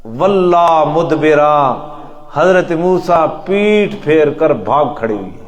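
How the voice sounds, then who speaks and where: A middle-aged male preacher in a mosque, teaching a Quran lesson with a Pakistani Urdu accent. He swings from loud, emphatic calls to soft, low asides, chants Arabic verses slowly and puts questions to his listeners. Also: big pitch swings.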